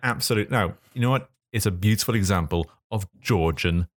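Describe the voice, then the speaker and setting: Low-voiced man telling a comic anecdote. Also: fairly quick, dry recording. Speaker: podcast co-host. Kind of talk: comic anecdote in casual banter.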